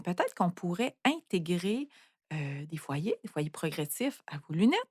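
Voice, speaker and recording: A Canadian woman talks through spiritual ideas in a reflective, unhurried monologue, often pausing on fillers and restarting her sentences. Her voice sits at a middle pitch. It is recorded close to the mic in a dry room with no echo. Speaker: spiritual podcast host. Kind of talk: calm explanatory monologue.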